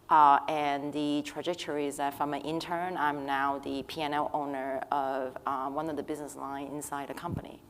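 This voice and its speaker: A woman speaking on a conference panel, hoarse after losing her voice, earnest and restarting often. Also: low voice, fairly bright tone. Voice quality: husky, strained. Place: conference luncheon hall. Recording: reverberant hall, faint room noise.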